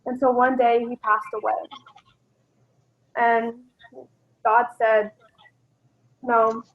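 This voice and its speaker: A woman on a video call telling a story at a memorial in a slow, measured way, heard through a laptop speaker. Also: a little high, level tone, phone-quality sound. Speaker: family member at a memorial. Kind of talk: telling a story while folding paper.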